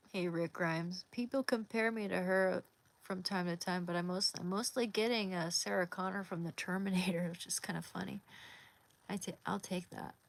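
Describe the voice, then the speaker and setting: Chatting with her livestream audience, a woman from Oregon, USA, reads comments and answers people by name in a relaxed way. Her voice is lowish and gravelly, with a steady tone at a normal speed.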